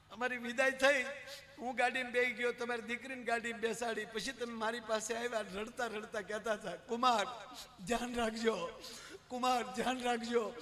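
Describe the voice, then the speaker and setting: A man's voice: very high voice, sharp tone, voice pushed up. A man playing a newly married young son-in-law who complains in a whiny, aggrieved way. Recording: live stage hall reverb with faint ambience.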